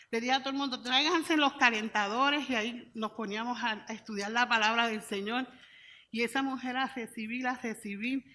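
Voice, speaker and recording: A woman's voice: fairly high pitch, pushed and bright. A woman missionary giving an earnest testimony in a church service, telling stories and acting out what others said. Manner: earnest storytelling, acts out quoted voices. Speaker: missionary speaker.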